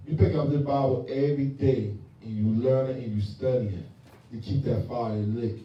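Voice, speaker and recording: A man's voice: medium pitch, fairly even intonation, moderate pace. A man from the class speaking up casually with plain everyday phrasing. He sounds far off and dull, with a strong echo. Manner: casual, informal speech. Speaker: class member. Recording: dull, echoey, far from the mic.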